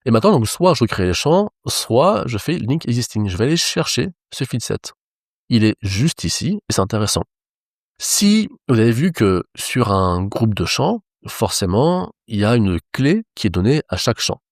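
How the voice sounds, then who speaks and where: A man's voice: medium pitch, sing-song, moderate pace, no echo, studio quality. A man teaching web development, explaining each step of a screen-recorded tutorial to his viewers.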